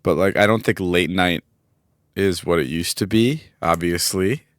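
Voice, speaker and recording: This American podcast co-host, in his twenties, keeps a measured pace as he tells stories in relaxed conversation, cursing often. Acting out other people's lines, he lets his voice shoot up in pitch.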